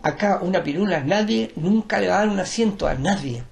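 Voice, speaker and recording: Gravelly older Chilean man, lecturing. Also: high voice, lively intonation, fairly quick, background noise. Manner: digressive, repeats words and restarts, lecturing. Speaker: art teacher and performer. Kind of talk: rambling conversational interview.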